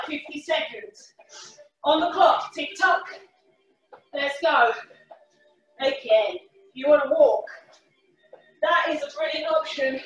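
High-voiced woman fitness coach in echoey room. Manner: energetic, encouraging, short shouted cues and counts. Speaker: fitness instructor. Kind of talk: live workout class coaching. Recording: echoey room, far from the mic.

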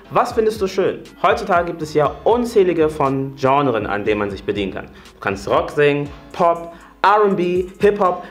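A young man in his late twenties teaches singing in an upbeat YouTube tutorial. His somewhat high voice swings lively up and down as he chats and demonstrates voice types. Faint music plays behind him. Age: late 20s. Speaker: singing coach.

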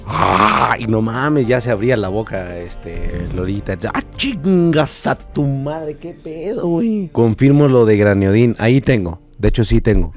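A hoarse young man with a Mexican accent, sick with a cold, chatting casually on a live stream, reading out chat and swearing freely. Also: fairly low pitch, dark tone.

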